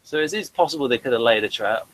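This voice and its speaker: A man's voice: mid-range voice, lively intonation, fast, fairly bright tone, poor audio. A man hosting a casual review chat, talking in long, digressive explanations with dry humour. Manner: chatty and digressive, explaining at length; dry humour, chuckles between points. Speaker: host reviewing a TV series.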